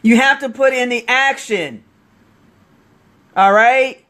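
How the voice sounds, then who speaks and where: A man giving a motivational live stream as an online marketing coach, getting excitable and preachy while greeting viewers as they join. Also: very high voice, slow.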